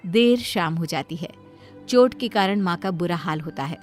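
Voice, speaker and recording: A woman's voice: lowish voice, lively intonation, normal speed, soft background music. A woman narrating a moral story for a cartoon in a plain storytelling manner.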